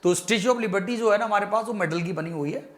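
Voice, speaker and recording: A man giving a quick-fire chemistry revision lecture, mixing Hindi with English phrases and cracking playful jokes to help students remember. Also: high voice. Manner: playful, jokey mnemonics, calls students beta. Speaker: chemistry teacher. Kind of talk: fast-paced exam revision lecture.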